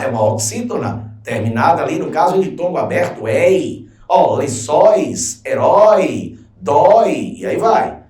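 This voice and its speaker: A man's voice: on the high side, darkish tone, recorded from a distance. A man teaching a grammar lesson for an exam in a chatty, slangy way, often checking in with the viewers. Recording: roomy echo, voice from off the mic.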